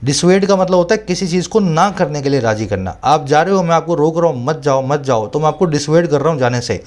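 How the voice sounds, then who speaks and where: A man working as an English tutor, explaining vocabulary and grammar to exam students in Hindi mixed with English terms. He reads English text out slowly and keeps checking whether the students follow him. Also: fairly high pitch, expressive, darkish tone. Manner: asks frequent rhetorical check-ins.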